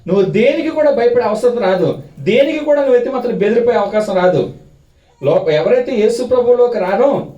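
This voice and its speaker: A high-pitched man preaches with fervor and keeps pressing rhetorical questions on his listeners. His voice is mellow and dark in tone. It sounds roomy and echoey, as if picked up from some distance away. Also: muffled recording. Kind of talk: sermon. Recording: echoey hall, mic at a distance.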